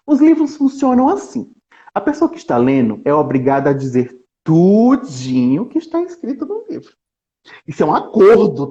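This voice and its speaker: A man, a researcher, talks as a guest in a casual live-stream chat, dramatizing readings with lively swings in pitch. His tone is mellow and warm. The audio is dull and lo-fi, like a stream. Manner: animated, dramatizes book reading with shifting intonation.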